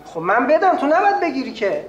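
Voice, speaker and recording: A woman's voice: high voice, very animated, dull audio, crowd noise. An actress playing a flustered young woman, girlfriend, who talks in a pleading tone. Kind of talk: comic screen acting. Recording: echoey room.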